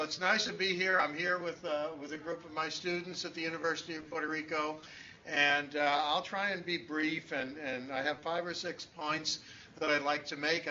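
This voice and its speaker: A law professor gives a conference talk over a muffled remote link, picked up by a distant room microphone on the call. His voice is bright and slightly high, and he sounds hesitant, with frequent fillers and restarts. A faint ambient hum sits behind him.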